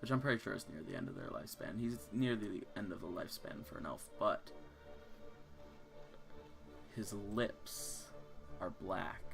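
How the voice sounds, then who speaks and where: A man with a low, gravelly voice runs a tabletop game. He builds each scene slowly, with careful description. His voice has a rough, fried texture throughout. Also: sing-song, music in the background. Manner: slow, descriptive scene-setting. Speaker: game master.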